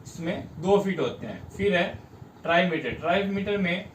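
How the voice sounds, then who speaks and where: A high-voiced man from India teaches a lesson, pacing himself slowly and pressing hard on each stressed syllable. He sounds set back from the mic in an echoing room, with a faint hum of background noise. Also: animated, far from the mic. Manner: slow, spells out syllables with stress. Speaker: English teacher. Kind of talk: classroom lesson.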